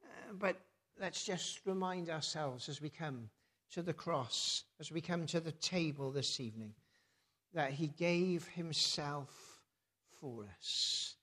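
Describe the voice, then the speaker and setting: A man's voice: fairly high pitch, slow pace, pushed and bright. A man preaching a reflective sermon before a communion service, with many rhetorical tag questions and thoughtful hesitations.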